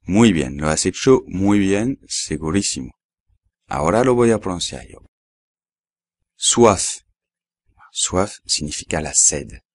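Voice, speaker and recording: A deep, low-voiced man from France gives a patient language lesson at an unhurried pace. He spells out each sound, repeats words and checks in often with his listener. The recording is dry and close, with no room sound. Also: big pitch swings, no echo. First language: French. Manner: patient, explains step by step and repeats words slowly. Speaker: French teacher.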